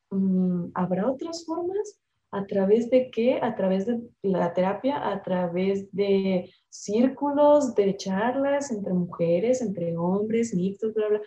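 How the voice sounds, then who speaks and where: A young Mexican woman talking casually about emotions, animated and acting out the voices she quotes. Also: medium pitch, reverberant. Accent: Mexican Spanish.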